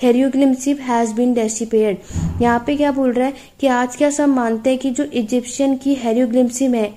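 A young woman teaching an exam-prep class, with a fairly high voice and a soft, mellow tone. She reads English passages aloud slowly and then explains each one patiently. She checks in with her students again and again. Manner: explains patiently, often checking with "theek hai".

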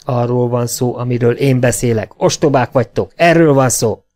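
A man reading the part of a calm, commanding male outlaw chief who speaks in quiet, measured tones with cold authority. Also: medium pitch, natural voice. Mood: calm, stern.

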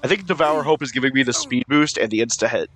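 A man's voice: mid-range voice, fast, a bit bright. A young man casually commenting on his own gameplay, swearing and talking to himself as he plays. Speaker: gaming YouTuber.

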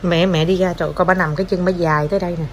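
Playful Southern Vietnamese mom. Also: female voice, fairly low pitch, steady tone, rapid-fire, slight background noise. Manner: playful, teasing, coaxing baby talk. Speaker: mother talking to her toddler. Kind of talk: casual home vlog. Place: at home.

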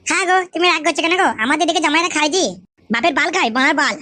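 A woman's voice: very high voice, racing, sharp tone, no room sound. A woman voicing a young wife in an adult cartoon, pleading and soothing her husband.

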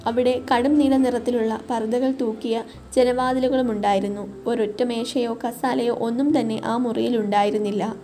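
A woman reading a literary short story aloud in steady, measured narration. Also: fairly high pitch. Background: soft background music.

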